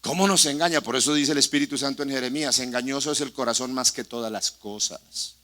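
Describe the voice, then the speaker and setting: A man's voice: medium pitch, fast talker, sharp tone. A male pastor preaching a sermon in a church sanctuary, impassioned and putting questions straight to the congregation.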